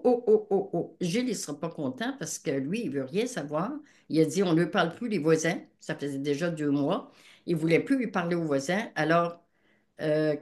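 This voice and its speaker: Older woman with a Quebec French accent, lower voice, giving a lively testimony and acting out the dialogue. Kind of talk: personal faith testimony.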